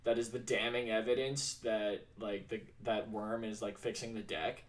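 A man chatting on a podcast as a guest, telling movie trivia with an animated, drawn-out delivery. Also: on the low side. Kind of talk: casual movie chat.

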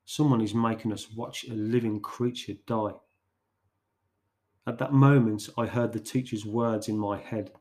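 A man hosting a podcast who narrates a story in a slow, deliberate way, pausing between phrases. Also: lowish voice, steady tone, darkish tone.

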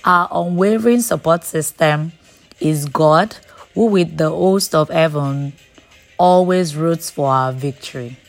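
A low-pitched woman delivers a short devotional message at a slow, measured pace. She leans on key phrases with emphatic preaching weight. Faint music plays softly beneath her voice. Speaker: devotional host.

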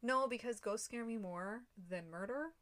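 A young adult woman co-hosts a casual podcast in a slightly high, fairly bright voice at a moderate pace. After some casual chat, she recounts researched history from her notes, with small restarts and asides.

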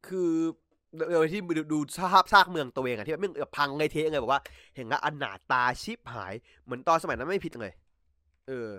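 A man hosting a casual podcast from home over a voice chat call, recapping episodes in an excitable, slangy way and swearing freely. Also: on the high side, quick pace, dry recording, clean studio sound. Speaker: podcast host. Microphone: computer mic over voice chat.

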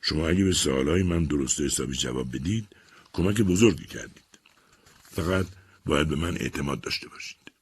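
A man's voice: rumbling low, breathy edge. A man voicing a persistent army captain who acts as a defense lawyer, speaking firmly, insistently and patiently.

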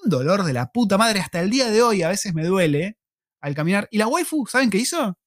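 A young man from Argentina chats on a casual podcast in a Rioplatense Spanish accent. He jokes as he tells his stories, and his pitch swings a lot. The sound is dry and close to the mic. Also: brisk, dry recording. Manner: animated, joking storyteller, frequent laughter. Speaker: podcast co-host.

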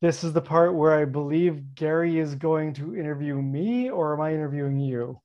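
A middle-aged man hosting a podcast in natural, unscripted casual talk, friendly and quick to poke fun at himself. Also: on the high side. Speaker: podcast host interviewing a friend. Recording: dull lo-fi sound.

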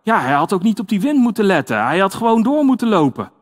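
A man's voice: high voice, very animated, quick pace, in a large hall. A man giving a conversational sermon, with many fillers and restarts. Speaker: preacher.

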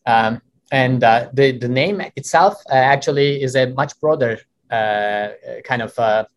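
A man from Turkey whose first language is Turkish, a guest answering interview questions in a measured way with many "uh" fillers. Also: medium pitch, slight background noise. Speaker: guest, company co-founder.

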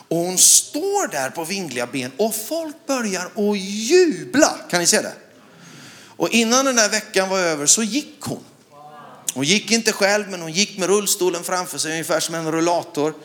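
A middle-aged man from Sweden preaches with a lively, swooping voice that sits fairly high. He tells his story with animated delivery, climbs to loud shouts and keeps asking the congregation whether they follow him. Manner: animated storytelling, rising to loud shouts, asks the crowd questions. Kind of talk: sermon with a personal story.

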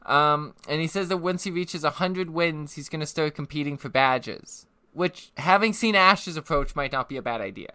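A man's voice: fairly high pitch, normal speed, clear, resonant tone, dry recording. A man co-hosting a podcast, casually recapping a cartoon episode with lots of fillers and frequent laughter. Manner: laughs often, animated, filler-heavy. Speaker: podcast co-host. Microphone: headset.

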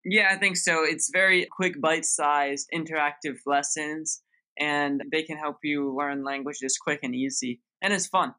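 A man's voice: a little high, steady tone, unhurried, pushed and bright, poor audio. A young man, a son at the family table, speaking earnestly and a little shyly. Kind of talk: casual family chat.

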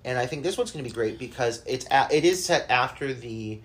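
A man's voice: mid-range voice, lively intonation, a little fast, a bit bright. A man appears as a podcast guest, chatting casually about films and shows. He is enthusiastic and rambling, often restarting his sentences as he talks. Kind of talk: casual pop culture chat.

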